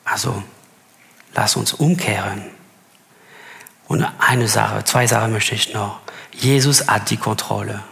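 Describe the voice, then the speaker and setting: A man's voice: on the low side, takes it slowly, creaky, pauses often, a bit bright, long reverb tail. A man giving a Bible teaching sermon, reading scripture aloud and often stopping to correct himself. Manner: reads scripture aloud, with frequent slips and restarts. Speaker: preacher.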